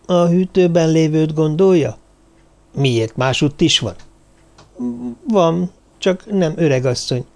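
A man's voice: fairly high pitch, darkish tone, pitched above the performer's own voice, natural voice. A man doing a stammering, frightened little man. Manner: nervous and stammering.

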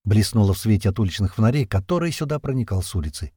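A man narrating an audiobook in a steady, tense, vivid storytelling manner. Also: lowish voice, rapid-fire, husky, no room sound, clean studio sound.

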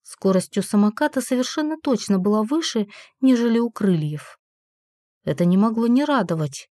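Wry, mellow-voiced woman narrator. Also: medium pitch, expressive, moderate pace, dry recording, studio quality. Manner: wry, sarcastic. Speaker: audiobook narrator. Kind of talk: first-person scripted narration.

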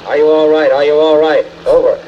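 An actor playing a harbor radio operator answering a boat over marine radio with short, businesslike replies. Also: male voice, on the high side, steady tone, normal speed, dark tone, a little hiss or hum. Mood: brisk. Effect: marine radio transmission. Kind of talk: 1940s film dialogue. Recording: dull lo-fi old film radio audio.

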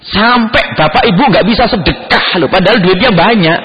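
Husky-voiced man preaching in an echoey hall. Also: high voice, moderate pace. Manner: animated storytelling, acts out family members in quotes. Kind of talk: sermon. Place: mosque gathering hall. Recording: echoey hall, dull lo-fi sound.

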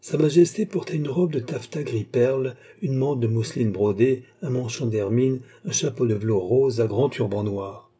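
A man reading a classic novel aloud in a steady, measured way. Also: medium pitch, husky. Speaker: audiobook narrator. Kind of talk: scripted novel narration.

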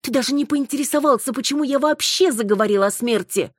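A woman doing a shrill, hysterical jealous wife. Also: moderate pace, slightly rough, no echo, studio quality. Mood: furious. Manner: shrill, accusing, near tears.

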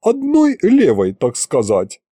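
A man voicing an eager, flattering male butler at a royal court in an audiobook. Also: high-pitched, slow, slightly rough, no room sound, clean studio sound, voice pushed up, full character voice. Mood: fawning. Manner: fawning, flattering.

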